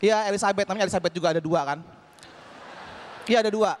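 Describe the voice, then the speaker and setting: A young man telling jokes on a stage, his voice sitting high for a man. He keeps switching into short quoted lines as he plays the people he chatted with. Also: a little hiss or hum. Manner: acts out chat partners in quick quoted voices. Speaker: stand-up comedian. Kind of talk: stand-up comedy routine. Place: stage before a live audience.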